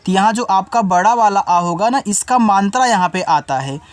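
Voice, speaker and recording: Guy teaching english spelling, slow letter by letter, then says the word low and soft, repeats everything twice. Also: no room sound. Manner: patient, repeats each meaning twice. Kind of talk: step-by-step spelling lesson.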